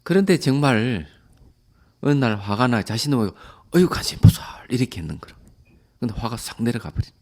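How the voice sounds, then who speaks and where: A man, a Buddhist monk, giving a calm dharma lecture that often trails off softly at the ends of phrases. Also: medium pitch, a little fast.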